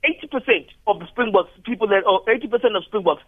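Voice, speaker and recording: A man talks through a tinny phone line. He is a radio guest who argues in a measured way and often restarts his phrases. The line sounds dry and close. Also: high voice, no room sound. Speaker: studio guest commentator. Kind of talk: radio talk analysis.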